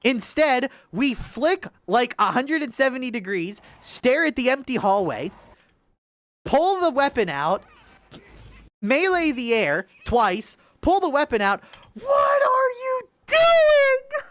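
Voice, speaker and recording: A man's voice: extremely high pitch, sing-song, slow pace, fairly bright tone, no room sound. A young man giving casual, sarcastic commentary while reviewing gameplay, exasperated and swearing.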